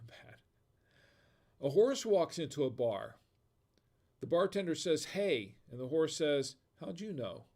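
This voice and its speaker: Speaking slowly with long pauses, this American livestream host has a high-leaning, very animated, slightly mellow voice. He tells corny bar and dad jokes, laughs at them himself, and reads chat comments out loud.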